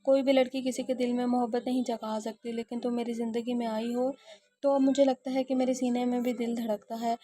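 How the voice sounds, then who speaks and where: A woman's voice: a little high, level tone, warm tone, no echo, clean studio sound, close to an everyday voice. A woman reading the part of a lovesick gangster man who earnestly pleads his love in an audio novel. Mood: pleading.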